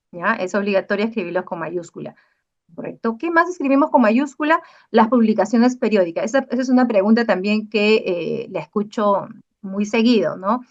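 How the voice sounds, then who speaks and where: A woman's voice: mid-range voice, highs cut off. A woman lecturer giving an online class, explaining step by step and checking in with the students through frequent tag questions.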